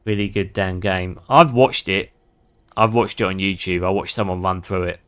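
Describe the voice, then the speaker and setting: A man streaming a game and chatting away in a somewhat low voice. He swears freely and laughs often as he talks with his viewers. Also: steady tone, normal speed, a bit bright, clean tone. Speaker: gaming streamer. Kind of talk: casual gameplay commentary.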